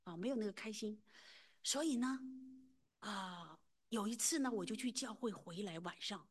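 A middle-aged woman recounts her faith testimony in an earnest, emotional storytelling manner. Her husky, breathy voice often falls almost to a whisper. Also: mid-range voice, normal speed. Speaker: church member giving a testimony.

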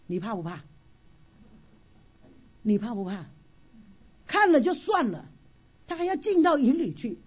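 A woman tells an emotional personal testimony at church, her fairly high voice swinging up and down as she sighs through her story. Her tone is mellow and a little husky. The recording sounds dull and lo-fi. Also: unhurried, pauses often. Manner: expressive storytelling with frequent sighing exclamations. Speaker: church member sharing a testimony.

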